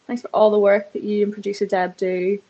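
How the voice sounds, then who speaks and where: Female caller, husky, gushing and sweary, casual voice-note delivery. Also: mid-range voice, little pitch movement, a little fast, dark tone, muffled recording. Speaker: listener leaving a voice message. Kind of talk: casual, chatty voice message.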